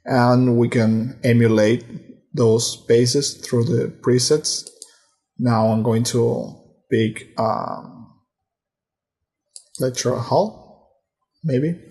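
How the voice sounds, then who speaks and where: Student voice-over: man, slow careful explainer, monotone delivery. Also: mid-range voice. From Brazil, raised in Argentina. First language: Portuguese and Spanish. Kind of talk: recorded lesson voice-over.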